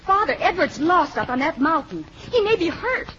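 A headstrong young woman in an old radio play. She is earnest and insistent, high-pitched and very animated. The recording is muffled. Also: normal speed, full character voice. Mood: worried, determined. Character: headstrong, spirited young woman, publisher's daughter. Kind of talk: old-time radio comedy acting. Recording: dull, faintly noisy vintage radio recording.

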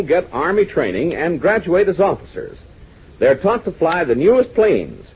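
A man's voice: fairly high pitch, a little hiss or hum. A man narrating and announcing an old radio serial, speaking earnestly to young listeners as gang, heard as an old radio broadcast. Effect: old radio broadcast sound. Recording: dull lo-fi 1940s radio recording.

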